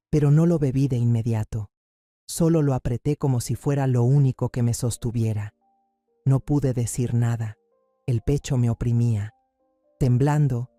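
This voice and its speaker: A man's voice: medium pitch, warm tone, no room sound. A man reading a somber, dramatic first-person story as scripted narration.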